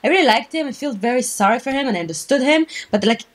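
A woman's voice: on the high side, expressive, racing. Young woman chatting casually, emphatic and informal. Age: young adult. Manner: informal, emphatic repetition, filler "like". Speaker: reaction video co-host. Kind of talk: casual reaction chat. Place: small room at home, indoors. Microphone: shared microphone on a boom arm in front.

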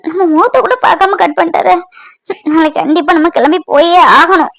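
A woman's voice: extremely high pitch, fairly even intonation, fairly quick, creaky, fairly bright tone, no echo, exaggerated voice, poor audio. A woman voicing a hurt young cartoon mother who broods aloud in a sorrowful, self-pitying voice. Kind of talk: cartoon voice acting.

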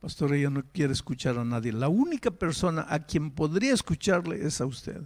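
A male pastor voicing a desperate, remorseful young husband who speaks quietly and pleads in a broken voice. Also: a little high, very animated, fairly quick, pitched above the performer's own voice. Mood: pleading.

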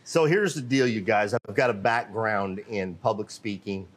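A man guides viewers through a cabinet workshop on a live show. He holds a microphone and talks off the cuff, with a relaxed lower voice and plenty of "uh"s and restarts along the way. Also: moderate pace. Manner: off-the-cuff, chatty, many fillers and restarts. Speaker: host of a live company show. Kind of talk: unscripted live walkthrough. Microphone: handheld microphone.

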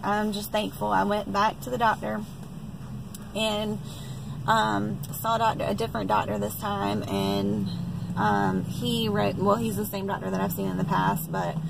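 A woman's voice: mid-range voice, vocal fry. A young woman chatting to her phone camera while driving, upbeat and rambling with lots of fillers. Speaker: vlogger. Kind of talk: casual chat to camera. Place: inside a car on the road. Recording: loud car road noise.

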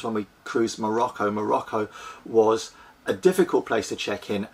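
A man's voice: mid-range voice, vocal fry, breathy edge. A man in his forties, seated in a small sailboat cabin, earnestly explains practical tips to a fixed camera close by. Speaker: sailing vlogger. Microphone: fixed camera at close range.

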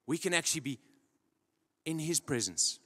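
Preaching at a moderate pace with a sing-song lilt, this young man holds a handheld mic on a big church stage. He builds dramatically to loud peaks, then drops to hushed lines in his somewhat high voice, while the room's long echo lingers.

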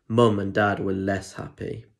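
With a gravelly voice on the low side, this young adult British man speaks unhurriedly in a level tone. As a primary school story reader, he brings expression to a children's picture book and talks directly to listeners in asides. A phone or tablet at arm's length records him in a small room at home.

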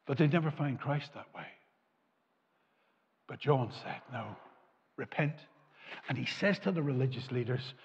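A man, preaching a sermon from a lectern, gesturing widely and swinging from emphatic peaks to quiet asides. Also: on the high side. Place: church hall with a lit tree behind a lectern. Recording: muffled, with long hall reverb.

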